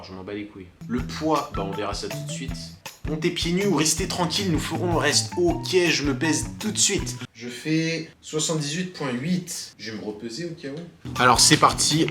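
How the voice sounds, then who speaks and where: A man in his early twenties chatting casually in a vlog from his room at home, joking and poking fun at himself. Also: medium pitch. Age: early 20s. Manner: chatty, joking, self-mocking. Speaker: fitness vlogger.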